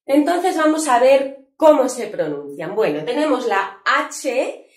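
Teacher lady, bouncy voice, kinda high, roomy echo. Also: takes it slowly. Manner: lively, clear and patient, drawing out letter sounds to show them. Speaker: English teacher. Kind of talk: spoken lesson for Spanish speakers.

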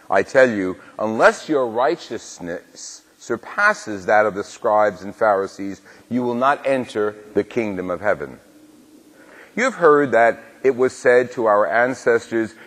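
A male priest proclaiming the Gospel at Mass in a measured, solemn way, his voice ringing with a long cathedral-like church echo. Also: mid-range voice. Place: large church.

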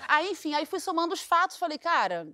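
High-voiced woman telling a comic story. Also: fast. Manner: animated, acts out quoted dialogue with laughter. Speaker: guest storyteller. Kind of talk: comic anecdote on a talk show.

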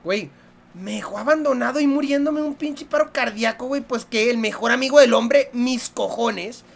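Excitable, foul-mouthed Mexican gamer guy. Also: very high-pitched, normal speed, gravelly. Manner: profane, joking, excitable. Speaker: gaming youtuber. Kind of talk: horror game commentary.

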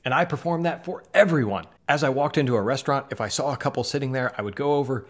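With a mid-range voice and quick pace, a thirty-something magic channel host from the Southern United States, who has a Midwestern accent, talks casually to camera. Working in a small home studio, he is earnest and conversational and gestures with his hands. Sound comes from a studio mic on a boom in front.

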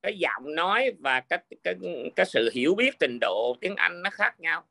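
A man's voice: fairly high pitch, sing-song, normal speed, vocal fry, bright, forceful tone. A man in casual political chat, speaking hesitantly with many fillers. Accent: Vietnamese-American.

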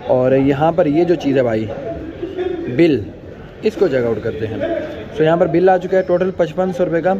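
With a fairly high, animated voice, normal speed and long pauses, a young man with a Pakistani accent casually reviews food for his vlog, mixing in English. The lo-fi sound picks up heavy chatter from the busy large indoor restaurant.

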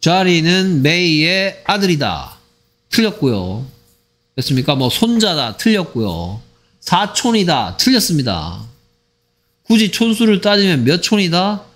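A man teaching an English lesson for a school exam. He speaks Korean with a Korean accent, draws out English phrases slowly and keeps asking whether the class has followed. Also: on the high side, sing-song, a bit bright. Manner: repeats "됐습니까?" to check understanding; slow, drawn-out delivery of English phrases.

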